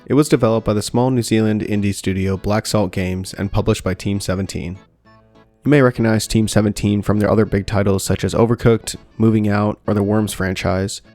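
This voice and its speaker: A young man narrating a scripted video game review in a steady, dry way with light jokes. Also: fairly low pitch, brisk. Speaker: gaming YouTuber. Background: soft background music.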